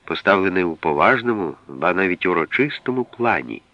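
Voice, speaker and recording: A man with a very low voice reads from a language guide in a measured, explanatory way, pausing to set apart single words. The sound is dull and lo-fi, like an old radio recording, and very dry with no room around it. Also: animated, no room sound. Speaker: reader of a language usage guide. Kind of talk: scripted reading.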